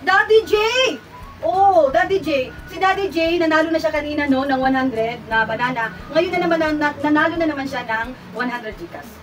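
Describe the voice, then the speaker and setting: A Filipino woman vlogger hosting a giveaway raffle, talking casually to her viewers with playful teasing and excited squeals. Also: high-pitched, a little fast, few pauses. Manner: chatty, excited squeals at each winner, playful self-teasing. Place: hot room indoors. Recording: mic at a distance, music playing loud.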